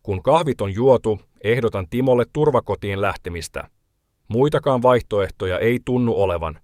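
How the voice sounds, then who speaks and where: A man narrating a news feature as a reporter, reading a script in a calm, measured way. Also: fairly low pitch, dry recording, clean studio sound.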